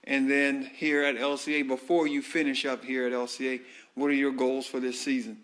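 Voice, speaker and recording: A man conducts a halftime sideline interview. He asks friendly, rambling questions padded with fillers. His voice sits at an ordinary middle pitch. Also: flat delivery, normal speed, a bit bright. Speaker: sideline interviewer at a high school football broadcast.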